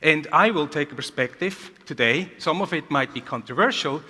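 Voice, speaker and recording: A man giving an energetic conference keynote to a large audience, asking rhetorical questions, heard in a reverberant hall. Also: on the high side, moderate pace, husky. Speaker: keynote speaker.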